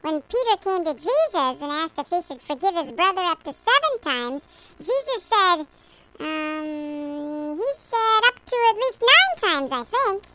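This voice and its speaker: A very high, bright little squirrel voice bounces all over the place as it tells its tale. It is bubbly, chatty and full of playful puns, like a puppet in a children's church lesson. The sound is dry and close. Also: a little slow, a little hiss or hum, heavily acted. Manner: bubbly, animated storytelling with punny asides.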